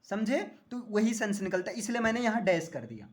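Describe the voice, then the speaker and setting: A man's voice: high-pitched, very animated, brisk. A man teaching English grammar in a classroom lecture. He jokes often and keeps checking that the students understand.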